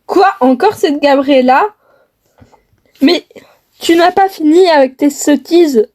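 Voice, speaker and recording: A woman voicing a bossy, snobbish mother who scolds her son, shrill and indignant, in a homemade family skit. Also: slow pace, darkish tone.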